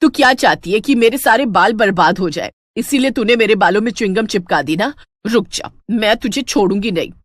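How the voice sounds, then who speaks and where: Woman putting on a bossy jealous cartoon mother-in-law, lower and scolding. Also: expressive, normal speed, no room sound, clean studio sound. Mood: furious. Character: fierce jealous middle-aged mother-in-law.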